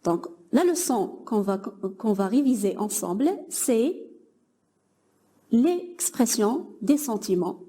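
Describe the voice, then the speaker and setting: A woman's voice: on the high side, lively intonation, slow, mellow. A young woman teaching a grammar lesson to middle-school pupils, patiently explaining and praising imagined answers.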